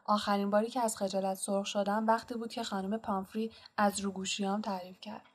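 A woman voicing a calm, wise old male wizard headmaster in an audiobook, speaking softly and without hurry. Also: mid-range voice, husky, natural voice. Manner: calm, soft, unhurried. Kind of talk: audiobook character reading.

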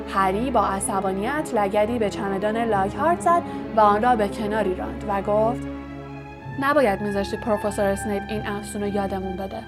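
A woman reading a storybook aloud with a steady, even delivery and voicing its characters. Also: mid-range voice. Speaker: audiobook narrator. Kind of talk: storybook narration with character voices.

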